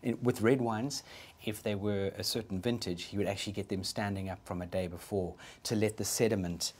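A man in his fifties with a fairly low voice gives an etiquette lesson. His enunciation is prim and precise, and he instructs formally in short, clear steps. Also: steady tone, a little fast, darkish tone. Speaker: etiquette expert giving a lesson. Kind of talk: instructive demonstration with short questions and commands. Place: wood-panelled dining room, indoors.

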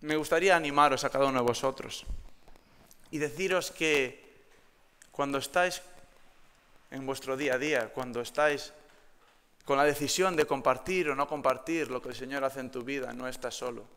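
A man's voice: mid-range voice, normal speed, pauses often, a bit bright, smooth. A young man with a Galician accent preaching a sermon in a church. He tells personal anecdotes and then presses the congregation with rhetorical questions. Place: church hall. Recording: long hall reverb.

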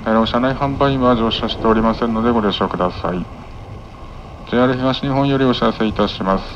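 A man's voice: medium pitch, quick pace. A man working as a train conductor, making clipped, formulaic live announcements. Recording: muffled train PA, clear vehicle noise. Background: moving train noise.

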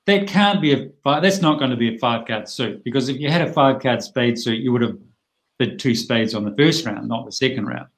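Talking briskly, a bridge teacher in middle age breaks down a card hand over video call. He keeps things plain-spoken and chatty, with lively asides, in a voice of ordinary pitch.

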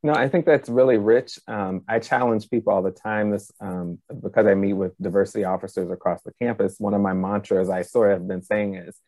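A man moderating a panel discussion on a video call, speaking in a measured, thoughtful way and slowing down to stress his points. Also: on the low side, fairly even intonation, darkish tone, no room sound. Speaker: panel moderator and ethics faculty. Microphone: laptop webcam on video call.

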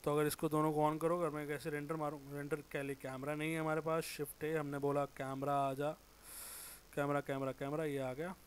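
A man with a sore throat giving a casual, informal software tutorial, thinking aloud, correcting himself and muttering as he works. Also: on the high side, little pitch movement, a little fast, slight background noise. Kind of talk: casual screen-recorded tutorial.

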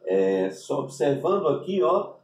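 A man with a Brazilian Portuguese accent, a rabbi giving an unscripted religious lesson, deliberate and spelling out Hebrew letters with constant tag questions. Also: on the high side, big pitch swings, a little mellow, distant mic. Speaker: rabbi teaching Hebrew names. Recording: echoey room, voice off-mic.

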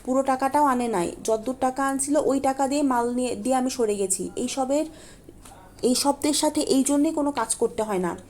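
A resentful young man snaps at his friend in a storybook reading, voiced by a woman narrator. The voice sits a little high and mellow, with a faint hiss in the background. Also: brisk, natural voice. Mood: bitter.

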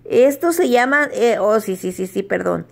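A woman's voice: medium pitch, lively intonation, moderate pace, gravelly. A middle-aged woman, chatting casually on a home vlog, laughing often and stumbling over English words. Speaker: vlogger.

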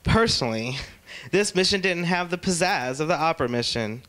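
A man's voice: on the high side, lively intonation, brisk, a bit bright, a little hiss or hum, rough recording. A man playing a vain, catty drag queen, theatrical and self-dramatizing in a mock interview. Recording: music playing behind.

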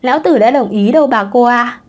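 A woman's voice: a little high, brisk, a little mellow, lightly acted. A woman voicing a vain, irritable thirty-year-old man in an audiobook. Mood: annoyed.

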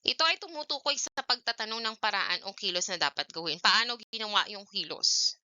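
A woman teacher giving a televised grade-one lesson, asking the children questions in an animated way and often checking in with "okay". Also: medium pitch, brisk, no room sound, highs cut off.

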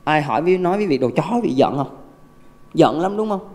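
Joking monk preaching in a reverberant hall. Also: male voice, fairly high pitch, fairly quick. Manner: lively, joking, asks the audience questions. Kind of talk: humorous dharma talk. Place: large temple hall.

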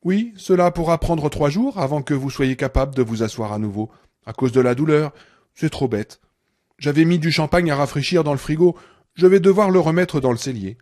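A man's voice: a little high, moderate pace, darkish tone, close to an everyday voice. A male reader voicing a sarcastic, menacing woman nurse who holds a man captive in an audiobook. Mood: mock-sweet sarcasm. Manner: sarcastic, seething, sudden rage.

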